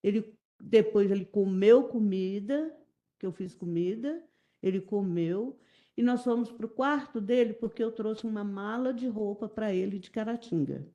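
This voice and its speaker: A middle-aged Brazilian woman giving halting, repetitive, emotional testimony as a witness in a courtroom. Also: mid-range voice, mellow, highs cut off. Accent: Brazilian Portuguese. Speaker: witness testifying in a jury trial.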